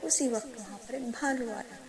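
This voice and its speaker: A woman telling a children's story at an unhurried, gentle pace, her voice gravelly. A murmuring crowd sits in the background of the recording. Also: a little high. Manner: slow, gentle, addressing children.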